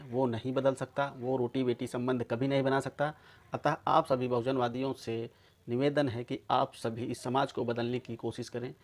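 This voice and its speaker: A man delivering a forceful, accusing monologue to his online viewers. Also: medium pitch. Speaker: video commentator.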